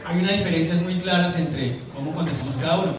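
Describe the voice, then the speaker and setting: A comedian acting out chatty phone tech support agents in a stand-up routine. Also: male voice, a little high, quick pace, pitched above the performer's own voice, close to an everyday voice. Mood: joking. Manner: playful, mimics callers and regional slang. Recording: live club clip, roomy, distant mic, loud crowd.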